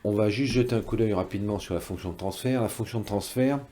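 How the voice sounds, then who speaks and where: Here an electronics teacher talks quickly in a low-leaning, mellow voice. His presentation is a careful, instructive tutorial in which he rephrases points step by step.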